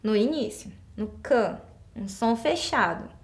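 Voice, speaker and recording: A woman's voice: fairly high pitch, animated, slow pace. A Brazilian woman teacher with a Brazilian Portuguese accent, explaining exercises patiently and step by step, often asking a question and then answering it herself. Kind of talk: classroom lesson explaining exercises.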